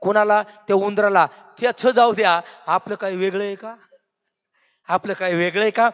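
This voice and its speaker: A man's voice: high-pitched, steady tone, normal speed, fairly bright tone, clean tone. A man preaching a devotional kirtan, questioning the crowd and breaking into song. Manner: questioning the audience, singsong. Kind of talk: devotional sermon with call-and-response. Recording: echoey hall reverb.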